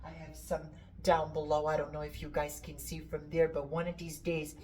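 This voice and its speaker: A woman's voice: low voice, little pitch movement, normal speed, a little mellow, soft background music. A woman from Portugal with a Portuguese accent, chatting enthusiastically and rambling a little as she shows pieces from her shop. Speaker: antiques seller. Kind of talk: casual show-and-tell.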